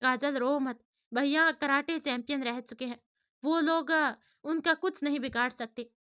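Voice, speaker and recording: A caring young woman scolds and soothes her friend in a bright, high voice, as a woman storyteller reads her. She sounds affectionate and bossy, a storybook sister figure. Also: steady tone, measured pace. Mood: reassuring.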